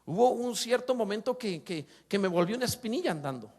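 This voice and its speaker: A middle-aged man preaches, his voice pitched high for a man. He moves between earnest appeals and playful asides, and keeps asking the congregation rhetorical questions. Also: expressive, a little fast, darkish tone. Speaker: pastor. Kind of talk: sermon.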